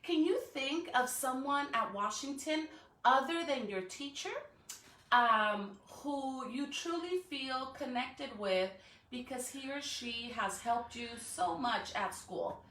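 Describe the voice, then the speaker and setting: A woman with a high, lively voice speaks slowly, her tone fairly bright, recorded from a distance in a room with noticeable echo. She's an elementary school staff member hosting a read-aloud on a live stream, encouraging the young children and often checking in with rhetorical questions and "right?" before reading them a storybook.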